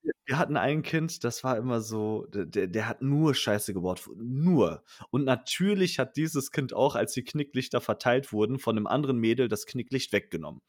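Young man, lively storyteller, dry close sound. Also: mid-range voice, moderate pace, no echo. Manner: slangy, animated storytelling with acted quotes. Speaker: storyteller in a chat. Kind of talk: casual chat.

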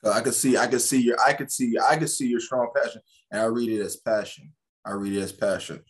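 A man's voice: mid-range voice, fairly even intonation, a little fast. A man in a casual podcast conversation, speaking animatedly, often restarting and repeating phrases as he gives advice.

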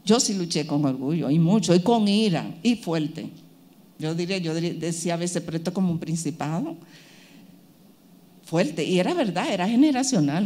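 A woman's voice: fairly low pitch, mellow. Woman preaching an emphatic sermon. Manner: emphatic, repeats phrases, acts out quoted voices.

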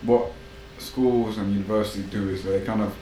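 A young man chatting in a group discussion, halting as he thinks aloud. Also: lowish voice, steady tone, mellow. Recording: echoey room with clear background noise.

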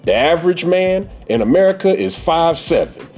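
A man talking straight to camera in blunt, profane commentary, his pitch swinging up and down as he lectures. His voice is husky and mellow, with soft music underneath. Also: lively intonation, moderate pace. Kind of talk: casual commentary.

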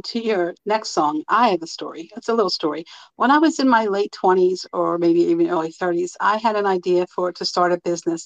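A woman's voice: mid-range voice, dull audio. A woman hosting a radio show, chatting casually and playfully with a guest, often breaking into giggles.

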